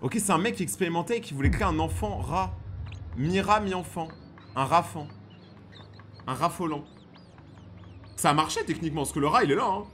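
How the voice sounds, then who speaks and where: A man's voice: a little high, lively intonation, fairly quick, long pauses, a bit bright, a little hiss or hum. A young man giving casual, slangy, joking running commentary as he reacts to horror footage. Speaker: reaction video host.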